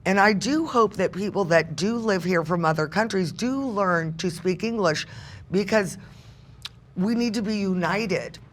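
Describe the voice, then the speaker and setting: A woman's voice: medium pitch, a little slow, a little hiss or hum. A woman on a discussion panel, speaking in an earnest, insistent way. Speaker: panel guest.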